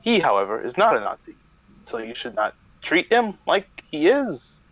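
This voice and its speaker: A man co-hosting a gaming podcast, giving his opinion in a measured, hesitant way. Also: a little high, huge pitch swings, fairly bright tone, dry recording. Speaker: podcast co-host. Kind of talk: casual chat. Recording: dull, dry lo-fi mic.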